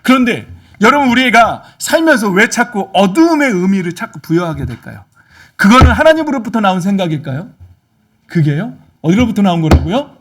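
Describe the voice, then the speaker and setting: A man preaching a sermon as pastor, animated, swinging between loud exhortation and soft asides. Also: high-pitched, slight background noise.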